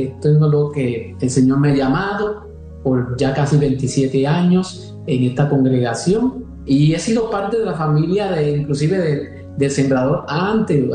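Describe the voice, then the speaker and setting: A man's voice: on the high side, warm tone, very echoey, rough recording. A religious brother in his fifties, speaking in a conversational interview with frequent hesitations and restarts. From Puerto Rico. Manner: hesitant, many restarts and fillers.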